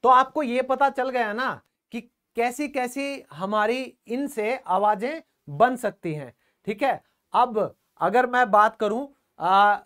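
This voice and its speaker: This is a man with a noticeably high voice giving an online classroom lesson. He keeps addressing his viewers as friends and quizzes them with questions he answers himself. He repeats each key word for them. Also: fairly bright tone. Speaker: English teacher.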